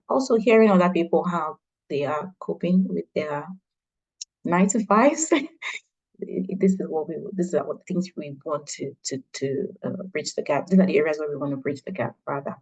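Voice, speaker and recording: A woman hosting an online launch meeting, talking in a halting way with many fillers and restarts. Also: sits low, vocal fry, darkish tone, husky, rough recording. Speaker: event host.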